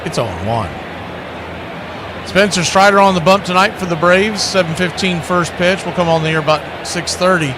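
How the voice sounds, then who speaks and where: This is live radio baseball play-by-play from a man with a high-pitched voice, lively intonation, and a moderate pace. His phrasing is folksy and colorful, and clear outdoor ambient noise fills the background.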